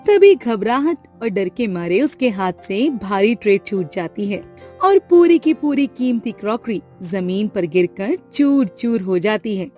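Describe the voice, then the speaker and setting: A woman narrating an animated family story in a steady, plain storytelling way. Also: mid-range voice, a little slow, soft background music.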